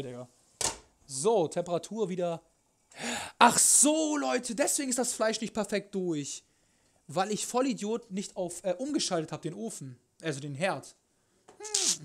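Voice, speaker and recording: A young man chatting casually on a cooking livestream, rambling and joking in loose slang as he answers his chat. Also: on the high side. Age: young adult. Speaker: live streamer, cooking show host. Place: home kitchen, indoors. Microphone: headset.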